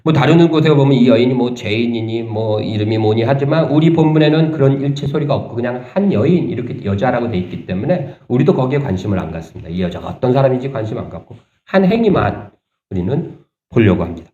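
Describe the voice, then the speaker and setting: A man preaching a sermon as pastor, talking conversationally and asking the congregation rhetorical questions, turning animated and indignant at points. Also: medium pitch, fast, echoey room, highs cut off. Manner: animated, rising sharply when voicing indignation. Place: church sanctuary.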